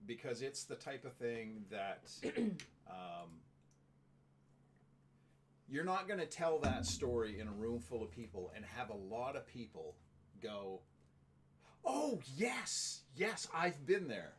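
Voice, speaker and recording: A man's voice: mid-range voice, animated, measured pace, pauses often, a little hiss or hum. Chatty man co-hosting. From Atlantic Canada. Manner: chatty, acts out quoted voices, laughs often. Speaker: podcast co-host. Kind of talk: casual chat and reading listener items.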